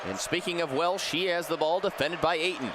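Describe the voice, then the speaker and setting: Here a young man announces a game play-by-play, his fairly high voice moving at a fairly quick clip. The recording carries loud arena and ballpark sounds, including venue chatter and bouncing basketballs.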